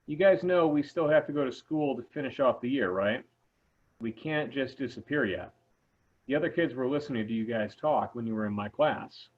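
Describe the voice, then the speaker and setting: A man with a medium-pitched voice speaks at a normal speed, lightly acting as a practical teacher who leads a treasure hunt. It's an amateur table read of a movie script, delivered matter-of-factly over thin, lo-fi audio.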